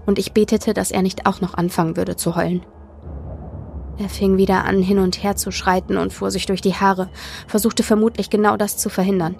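A woman reads a creepy story aloud in the first person, tense and expressive. Her voice is gravelly in a middle register, and faint noise sits under it. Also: medium pitch, a little fast. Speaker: podcast narrator. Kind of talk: dramatic horror story reading.

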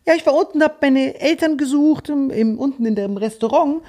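A high, innocent little girl of about six, as a man puts her on while telling a story. She answers in a thin, piping child voice. The high pitch sits well above the man's own voice. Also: a little fast, darkish tone. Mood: explaining.

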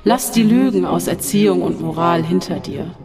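A narrator voicing a sinister male voice that taunts from a dark shaft in an audiobook, over faint music in a long reverb. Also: mid-range voice, moderate pace, gravelly. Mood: coaxing. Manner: mocking, then coaxing and seductive.

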